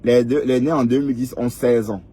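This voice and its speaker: In a casual vlog monologue, a man in his fifties gives preachy advice, going over the same points repeatedly and peppering it with "hein?". He speaks fairly quickly at a medium pitch, in a steady, warm tone with a breathy edge.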